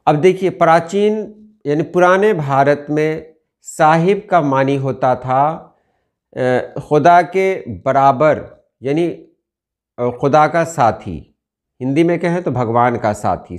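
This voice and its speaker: Slightly high in pitch, an Indian man gives an Urdu lesson on word meanings taken from dictionaries. His delivery is slow and measured, with key words said more than once.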